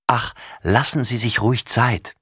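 A man voicing an excited young girl in a storybook reading, eager and insistent. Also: mid-range voice, measured pace, slightly rough, no echo, clean studio sound, voice pushed up. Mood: cheerful.

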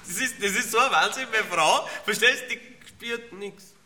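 A man with an Austrian accent delivering a comic rant, grumbling and swearing, dropping to mutters and bursting into shouts. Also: high-pitched, moderate pace. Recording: distant mic with loud background noise.

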